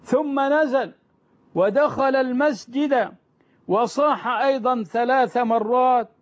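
A man with an unusually high voice tells an old religious story as a storyteller. He is emphatic, rephrasing and repeating lines to press them home. The recording is dull and lo-fi. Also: slow pace. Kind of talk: retelling early Islamic history.

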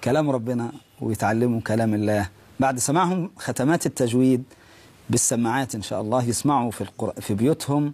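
A man hosting a Quran lesson, preaching fervently and repeating phrases for emphasis, with a husky voice. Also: medium pitch, quick pace, a little mellow. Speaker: host of a Quran teaching program. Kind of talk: preaching exhortation.

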